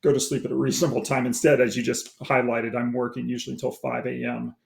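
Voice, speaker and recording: A man who grew up on the East Coast, a sports handicapper talking through his approach in a measured, casual way. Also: medium pitch, level tone, creaky. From East Coast of the United States. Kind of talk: casual chat.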